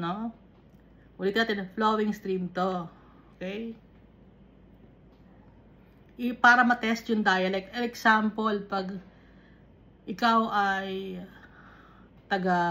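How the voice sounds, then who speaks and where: Slow, unhurried woman teaching scripture. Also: medium pitch, fairly bright tone. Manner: unhurried, explaining with frequent checks on listeners. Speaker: Bible teacher. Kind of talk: Taglish Bible study teaching.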